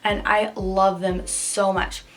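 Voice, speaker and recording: A woman telling a casual storytime vlog, filling her talk with "like" and getting excitable when she quotes people. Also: slow pace, soft background music. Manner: chatty, filler-heavy telling with many "like"s; excitable, jumps high when quoting voices. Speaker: vlogger.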